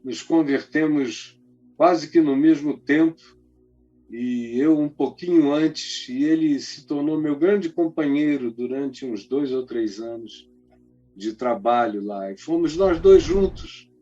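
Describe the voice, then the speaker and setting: A man's voice: a little high, takes it slowly, mellow. A man preaching in an emphatic, colloquial storytelling style. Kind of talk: storytelling sermon. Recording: dull lo-fi recording, faint music.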